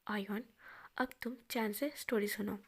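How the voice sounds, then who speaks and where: A woman voicing a stern, quick-tempered young man, speaking his lines in a half whisper. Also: medium pitch, steady tone, close to an everyday voice. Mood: irritated.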